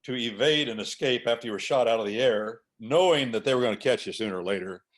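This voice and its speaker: Speaking fast at a medium pitch, a man hosts a conversational talk on faith and order. He drives his points home with preacher-like, emphatic repetition.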